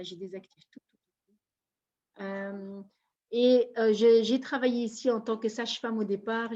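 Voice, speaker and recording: A woman's voice: medium pitch, dark tone. Effusive woman on a lo-fi call. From Belgium. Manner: effusive, greets attendees by name. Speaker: network marketing presenter. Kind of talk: live online presentation.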